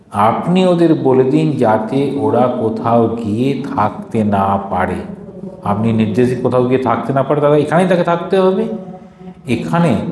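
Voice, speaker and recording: A man's voice: mid-range voice, a little mellow. A man, a monk, giving a devotional talk to a gathering: he reads formal passages aloud, then explains them in plain speech, asking questions and answering them himself. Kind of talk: devotional discourse with reading and explanation. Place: gathering hall before a live audience. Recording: echoey hall with faint background noise.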